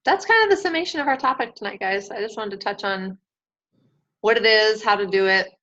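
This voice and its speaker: A woman hosting a casual team call, chatty and laughing often, acting out quotes in a higher voice. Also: a little fast, fairly bright tone. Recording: dull lo-fi call audio.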